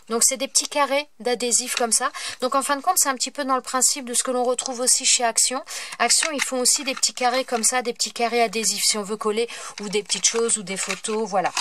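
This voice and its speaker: A woman's voice: on the high side, fairly bright tone, a little hiss or hum. A woman from France chatting casually in a haul video, hesitant and full of fillers as she shows her craft purchases. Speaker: craft vlogger.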